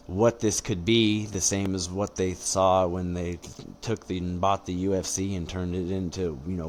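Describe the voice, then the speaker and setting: A man talking casually as a podcast guest, explaining things in a measured, rambling way. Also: deep voice, a little hiss or hum. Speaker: interview guest, combat sport competitor. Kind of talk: casual podcast interview chat.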